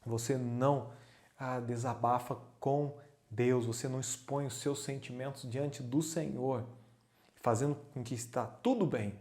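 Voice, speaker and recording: Mellow-voiced pastor preaching a sermon. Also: male voice, mid-range voice, fairly even intonation, unhurried. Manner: voices the psalmist's prayers in the first person; piles up repeated phrases for emphasis. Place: church.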